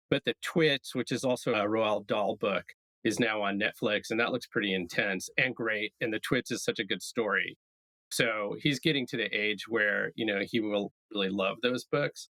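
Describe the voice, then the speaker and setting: Casting: male podcast co-host, bright tone, dry close mic, easy chat. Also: on the low side, moderate pace, no echo, poor audio. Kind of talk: casual chat. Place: New York City.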